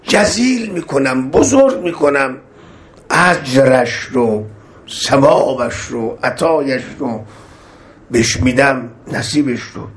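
A man's voice: medium pitch, a little hiss or hum. A man preaching a sermon, repeating phrases with rising emphasis and chanting Arabic verses.

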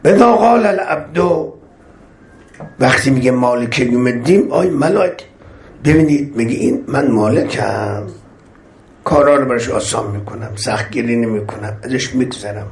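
A man's voice: medium pitch, expressive, slight background noise. A man preaching a sermon, repeating phrases with rising emphasis and chanting Arabic verses.

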